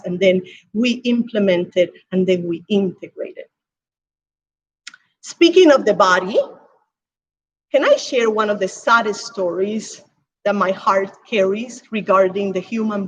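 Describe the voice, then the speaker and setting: A woman from Cuba preaching a sermon as pastor, with emphatic swells and hushed drops. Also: medium pitch, slightly rough, muffled recording.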